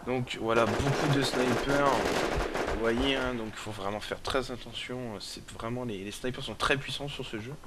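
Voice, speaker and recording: Hoarse man over noisy game sound. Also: mid-range voice, steady tone. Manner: hesitant, halting, repeats himself. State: hoarse, sore throat from being sick. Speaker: gaming video presenter. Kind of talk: casual unscripted gameplay commentary. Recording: noisy, with game gunfire and clicks. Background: video game gunfire and clicks.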